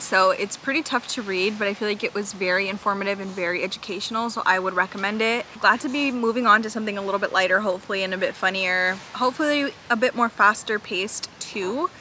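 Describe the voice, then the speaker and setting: A woman's voice: medium pitch, bright, forceful tone, slight background noise, low-quality recording. A young woman chatting casually in a book vlog from a beach, rambling with lots of "like" fillers. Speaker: book vlogger. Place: outdoors at a beach.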